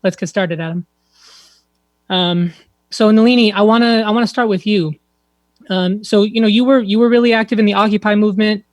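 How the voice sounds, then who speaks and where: A man's voice: sits high, steady tone, a little fast, no room sound. A man co-hosting a live political panel show, giving announcements and putting questions to guests. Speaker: co-host.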